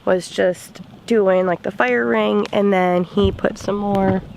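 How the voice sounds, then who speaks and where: A woman's voice: medium pitch, steady tone, takes it slowly, gravelly, a little mellow, slight background noise. A young woman vlogging outdoors by a cabin in the woods, chatting casually and rambling with lots of fillers. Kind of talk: casual vlog chat.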